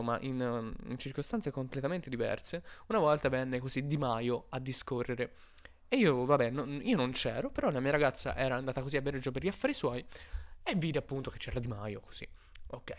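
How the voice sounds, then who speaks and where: A young man vlogging in a casual monologue, telling stories in an animated, joking, exaggerated way. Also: mid-range voice, normal speed.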